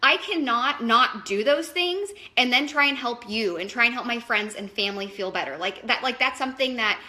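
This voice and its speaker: A woman's voice: fairly high pitch, expressive, moderate pace, bright, forceful tone. A woman in her thirties, a wellness coach, chatting casually and rambling with lots of fillers in a live video from home. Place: at home, indoors.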